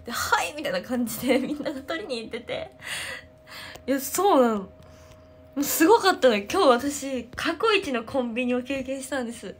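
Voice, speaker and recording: A woman, chatting casually on a livestream, telling stories excitedly with sound words. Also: high voice, a little fast. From Ehime, Japan. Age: 20s. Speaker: idol livestreamer. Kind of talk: casual livestream chat answering comments.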